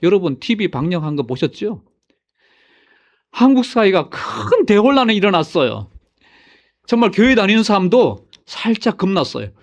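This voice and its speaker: A man preaching a sermon as senior pastor, swinging between loud exclamations and hushed asides and putting questions to his congregation. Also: high-pitched, very animated, moderate pace.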